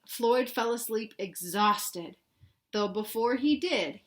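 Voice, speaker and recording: With a fairly high, fairly bright voice, a children's storyteller reads a picture book aloud. She brings expression to the story, explains things simply, and asks the young listeners questions along the way.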